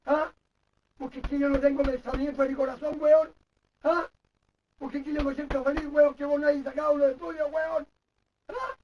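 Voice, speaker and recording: Chilean man, very high voice, lectures and curses nonstop, heard from far off on a dull recording. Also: level tone, moderate pace, long pauses, a little hiss or hum. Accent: Chilean Spanish. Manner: scolding, swears constantly, repeats himself. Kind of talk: heated comic argument.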